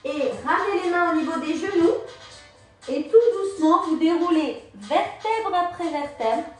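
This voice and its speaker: A woman with a high voice leads a Pilates session, gently pushing her students through each move and breath. She sounds set back from the mic in a strongly echoing room, with faint music in the background. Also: animated, unhurried, recorded from a distance. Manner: encouraging, cueing breath and movement step by step. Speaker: Pilates and yoga instructor. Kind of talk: guided exercise class instruction.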